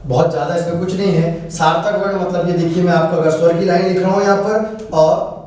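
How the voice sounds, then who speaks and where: A man's voice: high-pitched, steady tone, fast, a little mellow, recorded from a distance. A man teaching Hindi grammar in a classroom style, asking questions and answering them himself. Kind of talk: classroom lesson explaining grammar. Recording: very echoey room, voice away from the mic.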